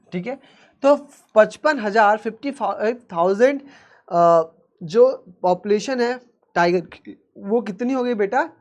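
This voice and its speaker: A man teaches in the style of a classroom video lesson and addresses his students affectionately as "beta." He keeps checking in with "theek hai" and slows down deliberately whenever he shifts into English phrases. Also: sits high, a little mellow. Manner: mixes Hindi with slow, careful English phrases.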